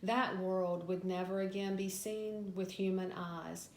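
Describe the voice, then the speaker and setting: A woman's voice: mid-range voice, steady tone, measured pace, darkish tone. Echoey recording of a woman reading Bible stories. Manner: storytelling, narrative delivery. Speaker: Sunday school teacher. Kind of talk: reading a scripted Bible story lesson aloud. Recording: echoey room with background noise.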